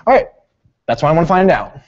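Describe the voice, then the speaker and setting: A man's voice: fairly high pitch, big pitch swings, fast, a little hiss or hum. A young man playing a flustered, baffled man asking a coach about his players' names, in a comedy skit, on a dull lo-fi recording. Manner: exasperated, insistent questioning.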